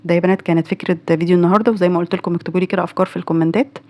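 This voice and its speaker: An Egyptian woman hosts a casual religious advice talk, speaking very quickly and earnestly. Her voice sits a little low for a woman. She keeps pressing her listeners with direct rhetorical questions. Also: steady tone, a little mellow. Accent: Egyptian Arabic. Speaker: channel host.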